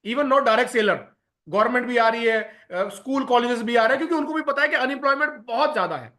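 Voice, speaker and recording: A man with a very high, bright voice leads a business seminar. He explains each term in turn, pausing on fillers and slipping English phrases into his talk. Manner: explanatory, lists terms, frequent filler pauses, mixes English phrases.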